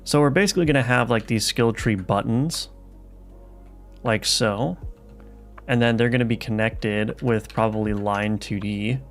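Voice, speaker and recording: On a live coding stream, a game developer talks casually and reads chat, thinking aloud with lots of fillers and restarts as he codes. His voice is medium-pitched and measured, with soft lofi music behind him.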